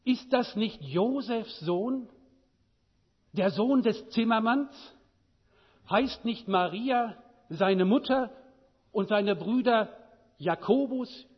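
A man preaching a sermon, with a measured delivery and many rhetorical questions. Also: high-pitched, expressive, slightly rough, big-room sound, highs cut off.

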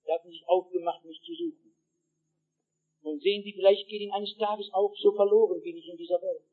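A man with a high voice preaches to a gathered audience. He tells his stories with drama, drops to near hushed tones, then rises to loud calls, and keeps turning to the listeners with direct asides. The sound is dull and lo-fi, like an old archive tape. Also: steady tone, brisk, husky. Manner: dramatic storyteller, swings from hushed to shouting. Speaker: pastor. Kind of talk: evangelistic sermon with personal anecdotes.

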